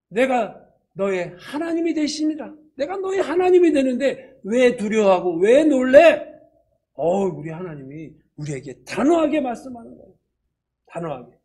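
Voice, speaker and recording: A man's voice: extremely high pitch, darkish tone. A man, a church elder, preaching emphatically and firing rhetorical questions at the congregation. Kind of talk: sermon.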